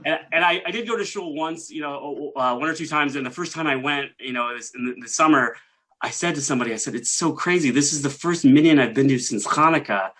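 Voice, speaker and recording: Male comedian, slightly high voice, rambling self-deprecating stand-up over a video call. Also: quick pace, fairly bright tone, low-quality recording.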